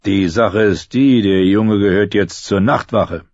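A man voicing a gruff, stubborn older recruiter in an audiobook, flat and dismissive. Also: on the low side, measured pace, no room sound, lo-fi sound.

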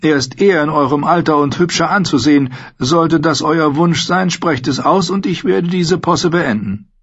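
A man voicing a courteous, rueful nobleman in an audiobook, formal and measured in his speech. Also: on the high side, fairly bright tone, breathy edge, muffled recording, voice pushed up. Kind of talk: audiobook character voice.

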